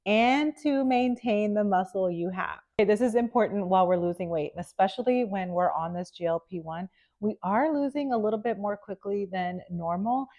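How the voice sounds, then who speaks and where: Speaking straight to the camera, a woman nutritionist sounds upbeat and chatty despite a cold that gives her voice a nasal quality. Her pitch is medium and a little mellow, and she often asks "okay?" in this health vlog.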